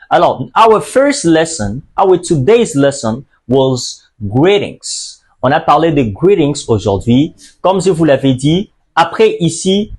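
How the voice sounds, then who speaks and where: Slow, high-voiced male language teacher. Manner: slow, drawn-out repetition drills with emphatic stress. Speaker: English teacher. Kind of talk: classroom-style language lesson.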